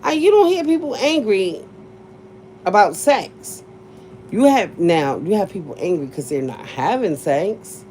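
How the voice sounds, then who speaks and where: A woman's voice: medium pitch, expressive, a little slow, a little mellow, a little hiss or hum. A woman hosting a live stream, chatting with viewers in a blunt, profane way, laughing often. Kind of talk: casual livestream chat with viewers.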